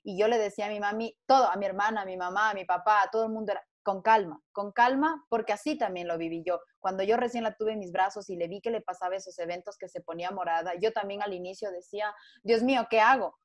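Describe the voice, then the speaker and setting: A woman's voice: mid-range voice, fairly even intonation, fast talker, few pauses. Woman telling a family story. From Ecuador. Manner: earnest storytelling with frequent restarts. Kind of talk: conversational panel talk.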